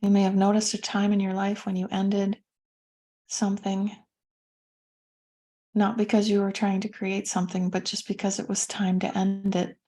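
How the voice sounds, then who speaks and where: Guiding a meditation as its teacher, a woman speaks in a soothing, gentle manner and pauses between phrases. Her voice is mid-range and monotone.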